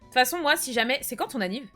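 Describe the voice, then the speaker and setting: A woman's voice: high voice, animated, fast talker, sharp tone, faint music behind. A young woman streaming from home, chatting casually in slangy banter and reading her chat aloud.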